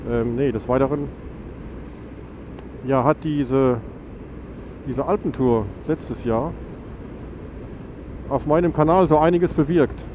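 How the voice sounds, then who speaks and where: Riding outdoors along a country road, a man from Germany chats into his helmet mic, his mid-range voice slow with long pauses and the audio dull. He is a motovlogger with a cold that makes him stuffy and nasal, and he rambles with many fillers and self-corrections. Wind and engine noise fill the recording.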